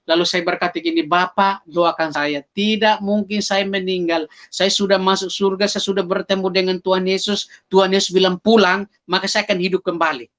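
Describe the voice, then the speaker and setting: A man's voice: high-pitched, fairly even intonation, a little fast, few pauses, a bit bright. A man giving a personal testimony, telling it dramatically and calling his listeners brothers and sisters, acting out his own cries for help in a raised voice. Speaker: testimony speaker.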